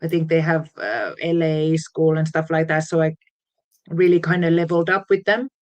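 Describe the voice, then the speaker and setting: A woman's voice: sits low, level tone, normal speed, a little mellow, dull audio. A woman from Finland with a Finnish accent, chatting about her music path as an interview guest, with fillers and frequent laughs. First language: Finnish and Swedish. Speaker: guest DJ and producer. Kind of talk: casual interview chat.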